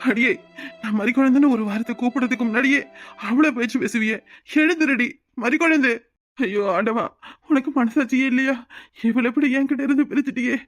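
A man voicing a grieving old village husband, with a wailing, tearful way of talking in a cartoon. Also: extremely high pitch. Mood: grief-stricken. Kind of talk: cartoon voice acting.

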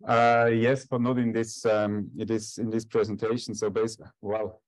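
Low-voiced man. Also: little pitch movement, moderate pace, no room sound, rough recording. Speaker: scientist presenting at a conference. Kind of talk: technical talk and question-and-answer. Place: conference lecture room.

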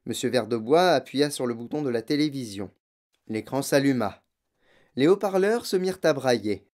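A man reading a children's novel aloud as an audiobook, in measured, expressive narration. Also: mid-range voice. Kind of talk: scripted narration.

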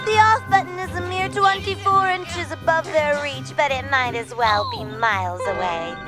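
A woman's voice: sits high, moderate pace, close to an everyday voice. A woman playing a vain, scheming female TV host in a cartoon, talking in a boastful and mocking way. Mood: smug. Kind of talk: cartoon voice acting. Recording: music playing under the voice.

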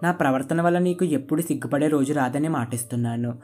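A storyteller voicing a husband who calmly explains himself to his wife, read in a plain earnest way. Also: mid-range voice, quick pace, soft background music, natural voice. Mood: reassuring.

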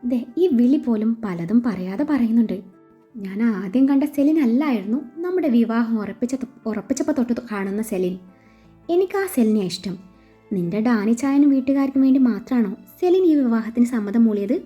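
A woman voicing a gentle young male doctor who speaks earnestly to his fiancée in a read-aloud story. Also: fairly high pitch, expressive, fairly quick, close to an everyday voice. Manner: soft, earnest questioning. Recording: slightly dull with faint music.

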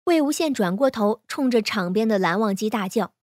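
A woman reading fan fiction aloud in a smooth, even storytelling manner. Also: on the high side, a little fast, dry recording, clean studio sound.

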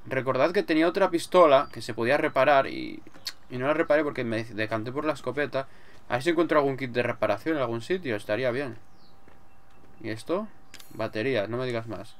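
A man's voice: mid-range voice, brisk. A man with an accent from Spain giving casual, sweary gameplay commentary, muttering to himself as he plays. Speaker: gamer, let's player. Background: game music.

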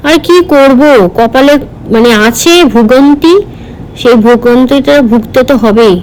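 A woman's voice: high voice, moderate pace, a little mellow, a little hiss or hum, poor audio. A woman, chatting casually through a home vlog, rambling with many fillers. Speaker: vlogger.

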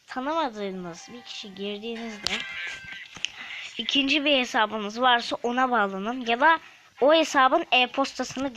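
A woman with a somewhat high voice talks through her game as she plays. She chats with viewers and snaps at opponents. A faint hiss of noise sits under the recording. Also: sharp tone, poor audio. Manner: chatty, quick to snap at opponents. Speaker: gaming channel host. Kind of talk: game commentary.

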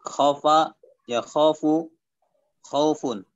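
A male student reads out word forms one by one in a slow, measured way, then gives the meaning. The call audio is dry and dull. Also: fairly high pitch, steady tone, no room sound. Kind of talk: reciting vocabulary in class. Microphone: video call.

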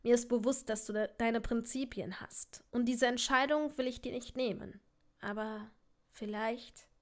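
Picture a weary young father in an audiobook-style fanfiction reading, as a woman voices him, speaking low and hushed, at times sinking to a whisper. He sounds quietly brooding, carried by a slightly high, clear voice. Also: fairly even intonation, measured pace. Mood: tired.

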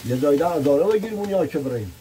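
A man's voice: a little high, expressive. A man in casual back-and-forth chat while doing chores in a rural home. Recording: clear background noise.

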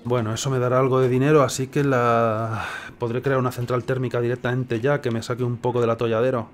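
A gaming video host from Spain, speaking with a Castilian accent, gives casual gameplay commentary in a mid-range voice, level in tone and fast. He muses and questions himself while thinking aloud, with slight background noise.

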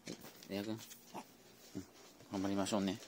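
A fairly quick, level-toned man with a lowish voice banters with his dogs at home, playfully coaxing them while he predicts a horse race for his vlog. Background noise runs under the recording.

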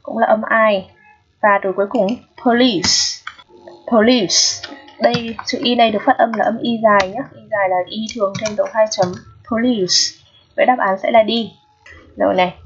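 A woman's voice: mid-range voice, little pitch movement, fast talker, a little hiss or hum. A woman teaching an English exam review lesson, patient and repetitive, often checking that students understand. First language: Vietnamese. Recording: dull lo-fi recording.

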